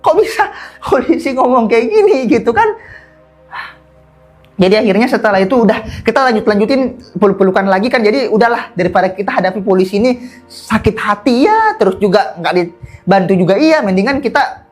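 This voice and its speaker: A man talking through his own story on a podcast in an animated, casual way, with a fairly high voice. He acts out the people he met along the way, and faint music runs under him. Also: a little fast. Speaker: podcast guest.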